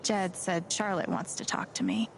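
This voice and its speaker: A woman's voice: fairly low pitch, big pitch swings, moderate pace, slight background noise, poor audio. A woman acting a kind, self-doubting young woman in a video game, musing hesitantly. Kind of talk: video game dialogue and inner monologue.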